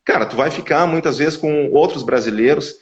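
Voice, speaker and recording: This guest, a man from a language school, talks at a moderate pace in a slightly high voice. He explains at length on a casual live stream, restarting often and repeating words, captured in dull lo-fi sound.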